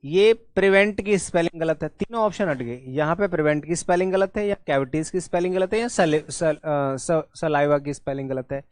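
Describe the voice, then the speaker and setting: A man with a somewhat high voice runs an exam-prep English lesson, explaining spellings in Hindi with English words mixed in. He keeps checking in with his students as he goes. The sound is dry and close, with no room echo. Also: brisk, few pauses. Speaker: English teacher.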